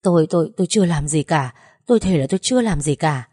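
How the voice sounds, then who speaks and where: A woman voicing an arrogant, bullying young master who shouts threats and stammers when beaten. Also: sits low, animated, fast talker, slightly rough, dry recording, clean studio sound. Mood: cowering.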